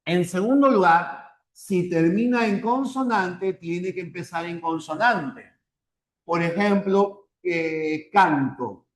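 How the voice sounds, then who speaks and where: Male teacher, methodical and patient, a bit high-pitched, roomy echo. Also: takes it slowly. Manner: repeats points with tag questions, patient and methodical. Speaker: language teacher. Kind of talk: online class lecture.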